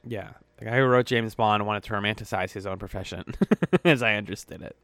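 A man's voice: fairly low pitch, steady tone, a little fast, fairly bright tone, dry recording. A man co-hosting a podcast in casual chat, playful and full of fillers. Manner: chatty, playful, trails off with fillers. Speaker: podcast co-host.

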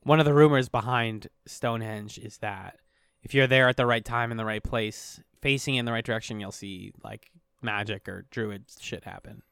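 A man's voice: fairly low pitch, normal speed, vocal fry, fairly bright tone, clean tone, dry recording, clean studio sound. A man co-hosting a casual podcast, joking and laughing as he reads entries aloud. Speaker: podcast co-host.

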